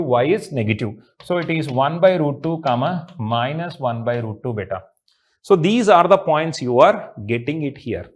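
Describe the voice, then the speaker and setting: A male mathematics teacher with an Indian accent talks through work at the board. His voice sits a little high for a man. He repeats key phrases as he goes and checks that students are following. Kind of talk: lecture at a board. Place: indoor teaching studio with blackboard.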